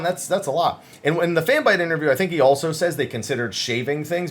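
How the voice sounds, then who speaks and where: A man with a mid-range voice hosts a video of casual, conversational news commentary, talking through summaries with emphatic, wordy asides.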